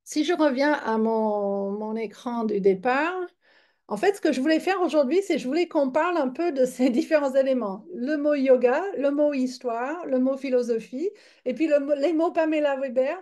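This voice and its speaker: A woman in her fifties, from Michigan, gives a relaxed online yoga lecture. Her voice sits a little high yet sounds warm and mellow. She talks in a chatty, halting way, full of fillers and restarts. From Michigan, United States. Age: 50s. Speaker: yoga teacher.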